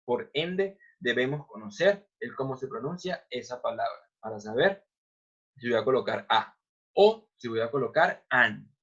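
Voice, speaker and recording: A man explaining grammar as an English teacher, who says example phrases slowly and then explains them step by step. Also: a little high, lo-fi sound.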